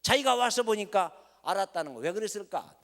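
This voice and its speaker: A man's voice: sits high, lively intonation, brisk, a bit bright. A male pastor preaching a sermon emphatically, asking rhetorical questions, in a church sanctuary with long reverb.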